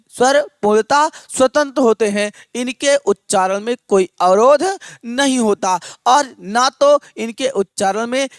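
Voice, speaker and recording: A man teaching an exam-prep lesson. He dictates slowly and repeats each phrase so students can write it down. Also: very high-pitched, smooth, no echo, studio quality. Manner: opens with a recited verse, partly sung.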